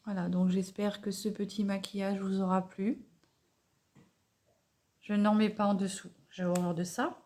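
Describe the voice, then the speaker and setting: This beauty vlogger talks warmly and unhurriedly through her makeup routine, her medium-pitched voice flat and broken by long pauses. Casual and unpretentious, she narrates each step while stammering, hesitating, and correcting herself.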